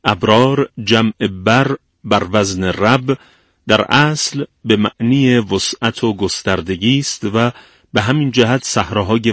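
A man with a low voice reads a scripted explanation at a calm, measured pace, like a radio presenter. The recording is dry and close, with no room sound around him. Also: dry recording.

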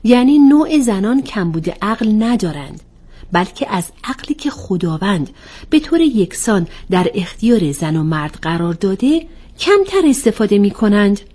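A woman voicing a calm young woman who patiently explains things in a storybook reading. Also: mid-range voice. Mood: explaining.

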